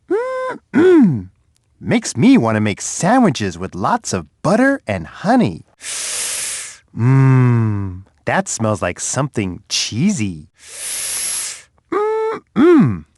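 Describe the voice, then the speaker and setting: A big, gentle bear from a children's game, full of curious wonder. The delivery is unhurried and sing-song, swinging widely up and down as he speaks kindly to young children. The sound is dry and close, with hardly any room around it. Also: mid-range voice, dry recording, exaggerated voice. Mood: pleased, savoring. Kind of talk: children's edutainment game voice lines.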